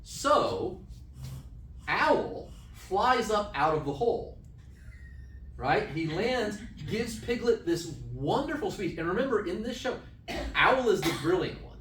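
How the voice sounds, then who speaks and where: A man giving a casual lesson at a camp, retelling a story with animated energy and often asking his listeners if they follow. His voice sits a bit high, and it is picked up from a distance in an echoey room with faint ambient sound behind. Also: a little slow, slight background noise. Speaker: camp speaker teaching a class.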